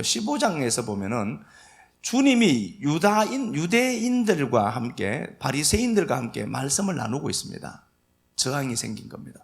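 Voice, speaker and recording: A man preaching a sermon as pastor, telling the story vividly and swinging between loud emphasis and soft asides. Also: on the high side, creaky. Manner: lively storytelling, acting out dialogue.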